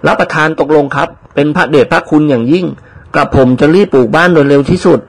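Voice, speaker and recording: A man's voice: fairly high pitch, fast, slightly rough. A man reading the part of a fawning, money-dreaming male servant, slipping a servile polite tic into every sentence. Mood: eager. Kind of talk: audiobook character reading.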